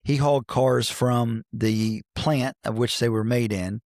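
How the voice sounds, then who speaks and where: A man's voice: mid-range voice, fairly even intonation, a little slow, a little mellow, no room sound, clean studio sound. A man in his forties from Cincinnati, a coach who is a podcast guest, telling stories in an earnest, folksy way with many restarts. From Cincinnati, Ohio, United States. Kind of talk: reflective conversational storytelling. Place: podcast studio.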